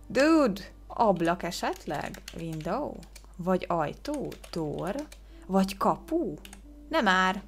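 A woman hosting a game video, commenting casually, exclaiming and gasping as she guesses, and sounding out English words hesitantly. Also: mid-range voice. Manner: excitable, exclaims and gasps while guessing. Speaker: gaming video host.

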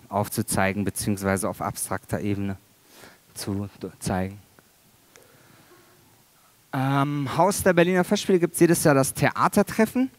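Thirties man presenting his own work on stage, halting and dry-humored, dry close sound. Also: medium pitch, dry recording. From Iran. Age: 30s. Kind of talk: conference presentation. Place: large dark auditorium stage. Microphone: headset mic.

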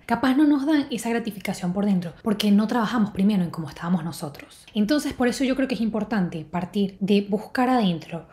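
A young woman giving a casual, confiding self-help talk to her viewers, acting out the voices in her head as she goes. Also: medium pitch. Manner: warm, confiding, animated, acts out inner voices. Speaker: vlogger.

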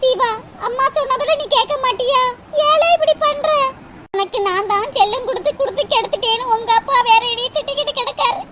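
A squeaky worried village mother. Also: a little fast, a bit bright, a little hiss or hum. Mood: pleading. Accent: Tirunelveli Tamil. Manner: scolding, pleading. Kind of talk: amateur cartoon voice acting.

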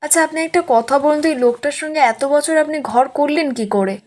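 A woman's voice: high voice, brisk, darkish tone, voice pushed up, natural voice. A woman quoting a bold female professor who scolds and defies a powerful man. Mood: defiant. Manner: scolding and defiant. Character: bold, sharp-tongued female college professor.

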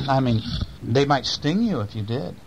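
Improvising as he goes and pausing to check on his young listeners, a middle-aged dad spins a playful bedtime story. He speaks a little slowly, with an expressive, medium-pitched voice, in a homemade recording with faint noise.

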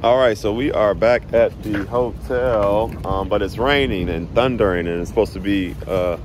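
A vlogger father in his thirties records a casual road-trip video in the car, at a hotel and outdoors, the phone camera held at arm's length. His voice sits on the low side and is a little mellow, at a moderate pace, and he is easygoing, repeats phrases and chats to his son. A little hiss or hum is audible.

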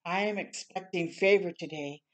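In a small home room, an older woman reads a picture book aloud as a storytime reader, chatting encouragingly to young listeners. Her pitch is fairly low and her pace moderate.

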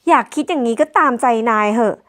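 A blunt, tomboyish young woman in an audio drama, voiced by a woman reader, who keeps standing her ground. The voice is high, with faint music behind it. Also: animated, fast, a bit bright. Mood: defensive. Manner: blunt and defensive.

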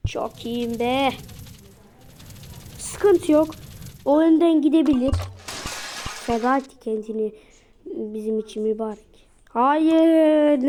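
A woman giving casual, excitable commentary while playing a mobile game, repeating her cheers over and over. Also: a little high, a little hiss or hum.

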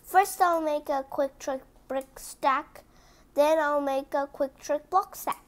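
Her voice sitting high, a woman leads a children's picture book read-aloud, reading each word deliberately and pausing to chat with her listeners.

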